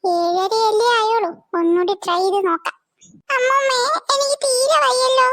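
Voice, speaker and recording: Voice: very high-pitched, moderate pace, fairly bright tone. A voice actor playing a lazy young schoolboy in a cartoon, whining and pleading. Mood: whiny. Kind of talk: cartoon voice acting.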